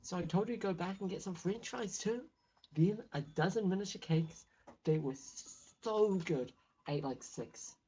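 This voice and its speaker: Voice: medium pitch, measured pace, warm tone, muffled recording, slight background noise, voice pushed up, natural voice. A player reading game dialogue aloud as a snobbish, gossipy teenage girl with a drawling valley-girl manner full of "like". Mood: teasing.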